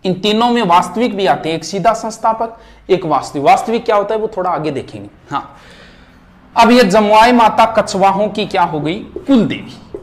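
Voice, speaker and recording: Fast-talking history teacher. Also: male voice, high-pitched, lively intonation. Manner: rapid, list-like recitation. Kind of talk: fast exam revision lecture at a board. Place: classroom with board.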